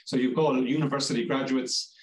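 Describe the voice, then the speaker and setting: A man's voice: medium pitch, steady tone, fairly quick, a little hiss or hum. Irish man from Cork, echoey and distant. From Ireland, Cork. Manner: chatty, reassuring, frequent restarts. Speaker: language school director. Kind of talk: promotional interview answers.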